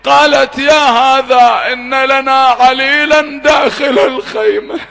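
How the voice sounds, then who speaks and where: A man's voice: very high voice, steady tone, unhurried, creaky, bright, forceful tone. A man giving a mournful sermon, reciting an elegy with impassioned, wailing cries. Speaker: Shia eulogy reciter. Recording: long hall reverb.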